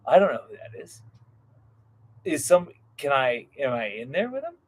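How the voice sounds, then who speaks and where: A man's voice: mid-range voice, sing-song, moderate pace. A man hosting a casual livestream like a showman, hyping things up and repeating phrases for emphasis, in a noisy recording. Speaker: livestream host. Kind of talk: hyped casual livestream patter. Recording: clearly noisy live stream recording.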